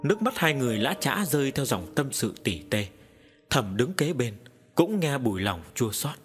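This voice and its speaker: A man narrating an audiobook story in an expressive, animated way. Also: medium pitch, normal speed, husky, soft background music.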